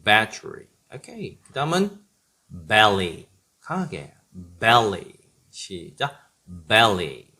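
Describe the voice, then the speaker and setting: A deep-voiced male teacher leads a slow pronunciation drill, saying each word clearly and pausing for learners to repeat. His pitch rises and falls with lively intonation, and his tone is bright. He stays calm and encouraging throughout. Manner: models each word slowly, then cues learners to repeat.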